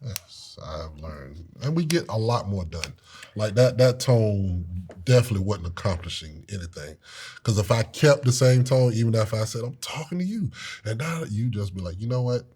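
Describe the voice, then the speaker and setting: Lively, laughing man podcast co-host. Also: on the low side, normal speed, slight background noise. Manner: jokey, laughs often, loud storyteller. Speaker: relationship coach, co-host. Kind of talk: casual couples podcast chat.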